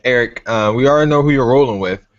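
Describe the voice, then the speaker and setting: A man's voice: mid-range voice, fast talker, no room sound. A man hosting a casual sports talk podcast, brash and teasing, bossing his co-hosts around. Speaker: podcast host. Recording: dull lo-fi recording.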